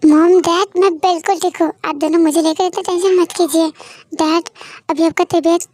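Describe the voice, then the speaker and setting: A woman's voice: extremely high pitch, steady tone, moderate pace, a little mellow, no room sound. A woman voicing a caring, dutiful young adult daughter who soothes and pleads with her worried parents in an amateur fan audio drama.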